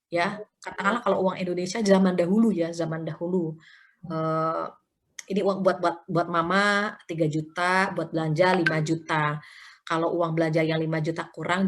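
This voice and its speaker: A woman teaching an Islamic study session in a chatty storytelling way, often acting out short quotes and adding tag fillers. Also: lowish voice. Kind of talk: conversational religious study talk.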